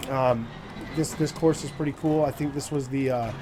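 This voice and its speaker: With a medium-pitched, steady voice at a moderate pace, a man in his forties chats and rambles through a racing game on his gaming channel. Fillers pepper his casual commentary, while engine sounds and background noise fill the backdrop.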